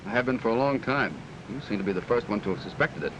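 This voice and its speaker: A man plays an earnest, polite young lawyer in love, speaking quickly in a lowish voice. The sound is a hissy 1930s film track. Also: animated, highs cut off, close to an everyday voice.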